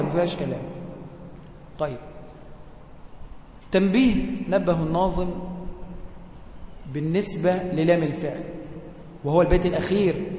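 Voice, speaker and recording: A man with an Egyptian accent teaching Quran recitation rules. He poses questions to the class and answers them himself, and draws out the recited examples slowly. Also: high-pitched, a little mellow, reverberant, long reverb tail, a little hiss or hum. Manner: slows to a drawn-out chant for recited examples. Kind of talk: tajweed lesson.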